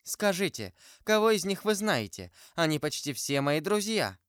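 An earnest, trusting young novice speaks eagerly and with feeling, as a male narrator puts her on, her voice pitched up and lively. The delivery is clear and smooth, and the audiobook recording is dry. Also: normal speed, no echo. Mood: curious. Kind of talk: audiobook character voice.

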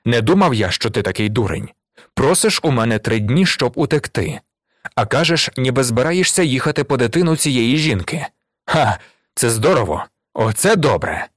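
Man doing a loud mocking police inspector, harsh, barking, dry close sound. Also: mid-range voice, very animated, normal speed, no room sound, close to an everyday voice. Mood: scornful. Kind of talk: audiobook reading.

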